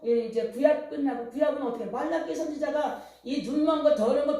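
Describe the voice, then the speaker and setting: A middle-aged woman pastor preaches a revival sermon in a church hall, telling stories and fervently urging the congregation to repent. Her voice sits high with a dark tone, and the recording is very echoey, made far from the mic.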